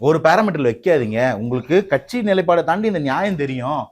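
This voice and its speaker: A man's voice: fairly high pitch, lively intonation, quick pace. A man speaking as a party spokesman in a heated interview, combative and mocking, talking over the interviewer.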